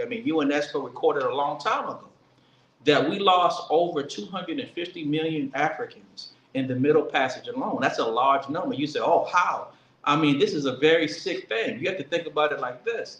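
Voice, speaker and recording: A man giving an earnest political speech, emphatic and slowing down to stress key words. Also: mid-range voice, fairly bright tone. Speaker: speaker at a commemoration event. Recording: echoey room with faint ambience.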